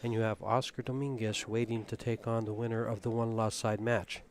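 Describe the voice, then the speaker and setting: A man's voice: on the low side, a little fast, a little hiss or hum. Easygoing man calling a pool match. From Tucson, Arizona. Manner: relaxed, knowledgeable, chatty. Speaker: play-by-play commentator. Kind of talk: pool tournament commentary.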